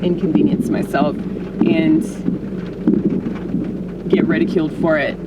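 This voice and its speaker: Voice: sing-song, unhurried, gravelly. A person on a casual, rambling rant in a blunt, self-righteous manner, swearing freely. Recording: distant dull mic, loud vehicle-like rumble.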